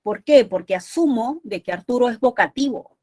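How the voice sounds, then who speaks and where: A woman's voice: on the high side, lively intonation, moderate pace, a little mellow, dry recording. A woman teaching a university entrance exam prep class, explaining patiently and often checking in with short tag questions.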